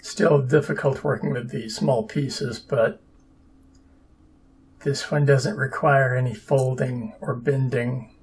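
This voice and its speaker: A man's voice: medium pitch, steady tone, takes it slowly, darkish tone, breathy edge. A man narrating his own papercraft build in a casual, dry, sarcastic and self-deprecating way. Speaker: papercraft hobbyist.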